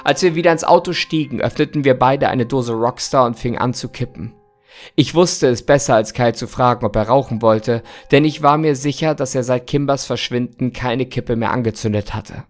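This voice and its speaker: A man reading a horror story aloud in a hushed, measured way, as its narrator. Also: medium pitch. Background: faint background music.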